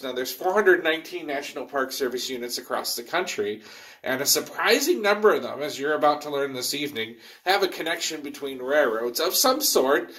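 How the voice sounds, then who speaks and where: Animated, chatty man hosting a live presentation. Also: medium pitch. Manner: chatty, folksy, rambling. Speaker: host and president of a rail education group. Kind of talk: casual live virtual presentation. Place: underground in a copper mine.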